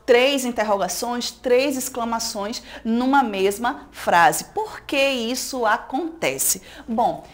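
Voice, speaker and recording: Brazilian woman teacher explaining a lesson. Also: a little high. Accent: Brazilian Portuguese. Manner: explanatory, with frequent "né?" and "tá?" checks. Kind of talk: recorded school lesson.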